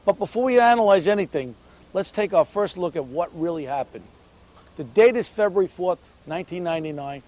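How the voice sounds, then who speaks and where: Hosting and narrating a scripted police reenactment, a former police officer also puts interview questions to others. He speaks in a high-pitched, slightly mellow voice, with faint background noise on the recording.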